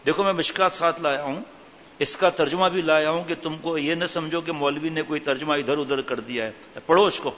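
A male preacher telling stories in a sermon, animated and humorous while stressing strict religious rulings. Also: on the high side, slight background noise. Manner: animated, mixes humour with stern religious rulings. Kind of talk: storytelling sermon. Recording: reverberant hall, dull lo-fi sound.

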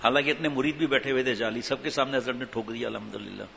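A male preacher telling stories in a sermon, animated and humorous while stressing strict religious rulings. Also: mid-range voice, gravelly, a little hiss or hum. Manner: animated, mixes humour with stern religious rulings. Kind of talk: storytelling sermon. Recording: reverberant hall, dull lo-fi sound.

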